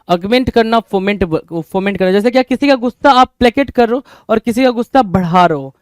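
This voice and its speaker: High-voiced teacher with an Indian accent. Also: male voice, clear, resonant tone, no echo. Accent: Indian English. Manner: repeats questions to students, calls them brother. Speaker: English vocabulary teacher. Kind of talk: Hindi-English vocabulary lesson.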